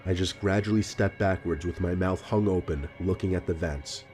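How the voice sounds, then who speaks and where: A man reading a scripted story in a calm, measured narration. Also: low voice, faint music behind.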